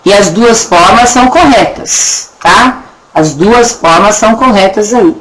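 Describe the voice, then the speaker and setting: A woman teaching a recorded Portuguese grammar lesson with a Brazilian accent, chatty, checking in often with her students and slowly stretching words to show how they are pronounced. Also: mid-range voice, fairly bright tone, low-quality recording. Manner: drags words out slowly to demonstrate pronunciation. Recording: faint background noise and clicks.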